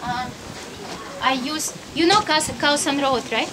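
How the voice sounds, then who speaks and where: In a sunny courtyard surrounded by tall apartment blocks, a woman from Russia in her thirties chats through an informal travel lecture in a high, unhurried voice with a Russian accent. She laughs frequently and poses questions to the audience, whose chatter and other background noise come through on a camera placed a few meters in front of her.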